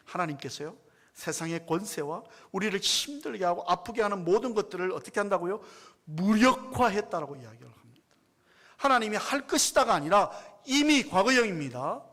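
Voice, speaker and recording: A man's voice: high-pitched, lively intonation, brisk, sharp tone. A man preaching a sermon as pastor, emphatic and full of rhetorical questions to the congregation.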